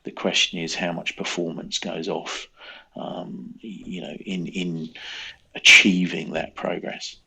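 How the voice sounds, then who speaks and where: A man's voice: low-pitched, little pitch movement, a little slow, creaky, pushed and bright, a little hiss or hum. A man co-hosting a casual motorsport podcast, hesitant and full of ums and you-knows. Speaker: podcast co-host.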